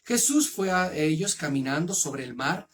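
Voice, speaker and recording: A man with a Mexican accent reading the Bible aloud and then preaching on it in an earnest, measured way. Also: fairly high pitch, expressive.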